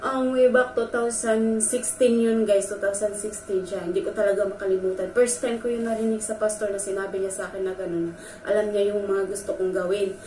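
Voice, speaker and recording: A woman's voice: medium pitch, steady tone, a little fast, a little mellow. Earnest woman telling a story, echoey and distant. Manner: earnest, emotional, talks straight to viewers. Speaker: vlogger. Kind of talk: casual personal storytelling. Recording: echoey room from a distance with faint noise.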